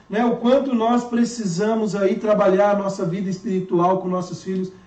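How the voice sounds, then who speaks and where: A man's voice: high-pitched, darkish tone, echoey room, far from the mic. A male pastor giving a casual talk to parents, chatty and telling home anecdotes.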